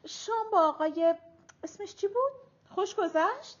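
A woman reading an audiobook, voicing a coquettish, sharp-tongued older grandmother in quick, lively retorts. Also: extremely high pitch, pitched above the performer's own voice. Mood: prying. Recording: dull lo-fi audiobook recording.

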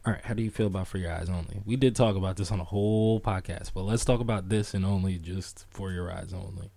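Deep gravelly New man, laid-back. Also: steady tone, fast, mellow, no room sound. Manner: laid-back, slangy storytelling. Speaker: podcast co-host. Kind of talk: casual chat.

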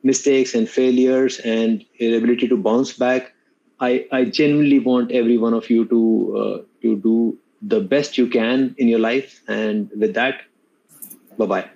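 A man's voice: mid-range voice, fairly even intonation, unhurried, vocal fry, dark tone, highs cut off. A middle-aged man with an Indian accent giving earnest, unscripted advice as an interview guest, often repeating words for emphasis. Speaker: podcast guest, mentor to students.

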